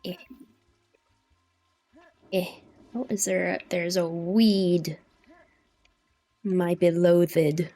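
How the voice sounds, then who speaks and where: A Canadian woman livestreamer chatting casually over a game, rambling in a sleepy, low-key but playful way. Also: fairly even intonation, slow, pauses often, mellow. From British Columbia, Canada. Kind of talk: casual chat while playing a farming game. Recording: music behind the voice. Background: music.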